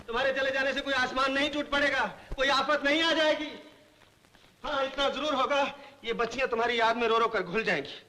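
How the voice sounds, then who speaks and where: A man's voice: extremely high pitch, a little fast, bright, forceful tone. A sarcastic, sulky young man. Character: proud, sulking young man, stubborn. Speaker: hotel keeper, big brother. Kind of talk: 1970s Hindi film acting.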